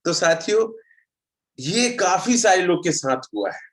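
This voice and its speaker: A man, pitched a little high, leads a relaxed online road safety session. He rambles through personal stories and reads out viewer comments as he goes. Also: unhurried. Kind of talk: casual online session talk.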